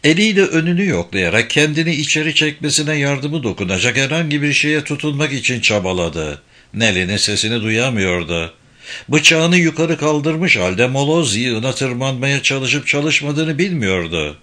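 A man reads a thriller aloud in a steady, suspenseful way. His voice is bright and forward, at a middle pitch. The delivery stays measured, as in a scripted audiobook. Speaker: narrator.

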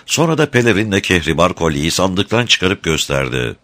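Deep, bright-toned storytelling man. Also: normal speed. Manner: expressive storytelling. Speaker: narrator. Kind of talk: scripted fairy-tale narration.

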